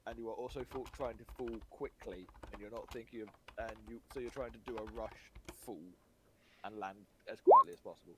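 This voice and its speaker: A man's voice: fairly low pitch, very animated, brisk, fairly bright tone, a little hiss or hum. A man running a tabletop game as game master, rambling and restarting his sentences, with casual swearing.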